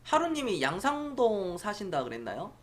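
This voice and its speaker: A middle-aged man from Jeolla hosts a casual stock-market live stream. He rambles from one point to the next and answers viewers' comments aloud. His pitch rises and falls a lot as he talks. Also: wildly swooping pitch, normal speed, fairly bright tone. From Jeolla province, South Korea.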